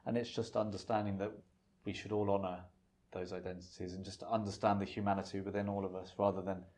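A middle-aged man whose first language is Punjabi is a guest in a relaxed conversational interview. He reflects and rambles, with lots of fillers and restarts. His voice sits low and has a darkish tone, with a level delivery at a quick pace.

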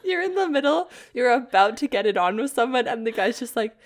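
A woman's voice: on the high side, sing-song, a little fast. A woman co-host in casual chat, reacting to a novel in a jokey, mocking way.

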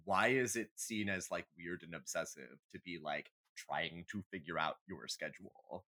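This podcast co-host has a low, pushed, bright voice at a moderate pace. He's casual, funny, sassy, and opinionated, swearing a lot as the astrology banter rolls on.

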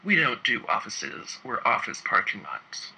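A man telling a wry first-person story about his work as an inspector, moving between quick asides and slow, emphatic phrasing. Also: mid-range voice, huge pitch swings, gravelly, bright, forceful tone, breathy edge, poor audio.

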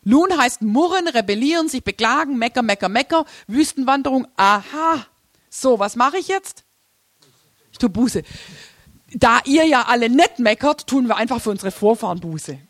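A woman's voice: a little high, animated, moderate pace, no room sound. Chatty woman teaching, dry close sound. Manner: chatty, informal, laughs often, many restarts. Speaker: church workshop teacher. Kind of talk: casual teaching talk with slides.

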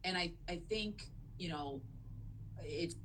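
A woman's voice: lowish voice, slow pace, a bit bright, a little hiss or hum, poor audio. A woman co-hosting a podcast in casual movie chat, emotional and enthusiastic, swearing casually. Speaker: podcast co-host.

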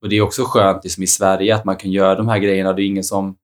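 A man in a relaxed, chatty conversation. He leans on filler words and talks freely. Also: low-pitched. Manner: relaxed, chatty, many fillers like "liksom" and "typ". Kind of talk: casual chat.

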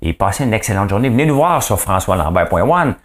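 A man's voice: lowish voice, sing-song, fast. A man with a Quebec French accent hosting a daily news podcast, commenting casually in a rambling, chatty way with many fillers and asides.

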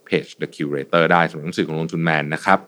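A man with a low voice hosts a podcast. He reads through an interview and comments on it at a quick clip. His delivery is brisk and explanatory, peppered with polite particles. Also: steady tone, fairly bright tone. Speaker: podcast host.

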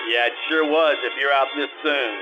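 An actor playing a hard-boiled private detective who narrates and trades dry wisecracks in a 1950s-style radio drama. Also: male voice, medium pitch, steady tone, normal speed, highs cut off, music in the background, natural voice. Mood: wry. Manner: dry wisecracks, laconic first-person narration.

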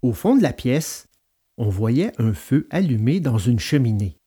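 A man narrating a children's storybook aloud in an expressive, dramatic read-aloud manner. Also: mid-range voice, a little slow, slightly rough.

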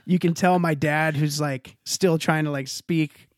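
A young man telling a funny family story in a casual chat, animated, laughing often, with many fillers. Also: on the high side, unhurried, dry recording, clean studio sound. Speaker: podcast guest telling a story.

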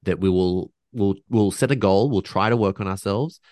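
A man appears as a guest on a podcast, talking casually in a reflective, earnest way, often restarting his sentences and dropping in slang. His voice is lowish and darkish at a moderate pace, recorded clean in a studio with no room sound.

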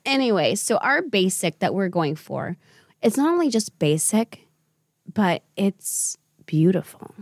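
A woman's voice: medium pitch, very animated, measured pace, no room sound, clean studio sound. A woman hosting a casual tasting chat, giggly and chatty, admitting she is a bit tipsy. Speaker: host.

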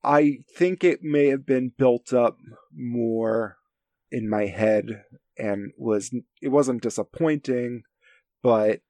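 A man chats casually as a film podcast co-host. His voice has a marked vocal fry and he feels his way through sentences haltingly. The sound is close and dry, without room echo. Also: mid-range voice, dark tone. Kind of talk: casual film discussion chat. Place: home basement. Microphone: recorded at his end of an internet call.

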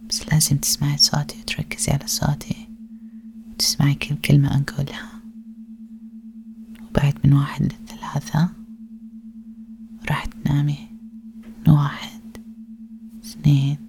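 A woman giving soft, whispered hypnosis commands in an ASMR roleplay, close to the mic. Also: sits low, gravelly, slight background noise. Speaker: ASMR performer.

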